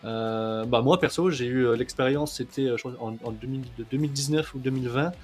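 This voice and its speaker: A man's voice: medium pitch, brisk. Chatty male fitness coach. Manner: chatty, many fillers, checks in with "ok?". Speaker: kettlebell coach. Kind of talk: casual video lesson to camera.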